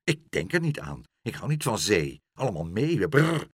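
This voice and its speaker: Husky-voiced strict mom, bossy and brisk, man doing her for a storybook. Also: fairly low pitch, very animated, no echo, clean studio sound. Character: strict fussy mother, middle-aged woman.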